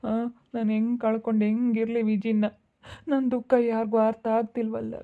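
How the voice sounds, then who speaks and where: A woman's voice: on the high side, flat delivery, normal speed, close to an everyday voice. A woman playing a sobbing heartbroken village husband. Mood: grieving. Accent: rural Chitradurga Kannada. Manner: wailing, pleading, repeating phrases. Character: grieving young village husband, heartbroken and desperate. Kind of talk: village family drama acting. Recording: tinny phone-like recording.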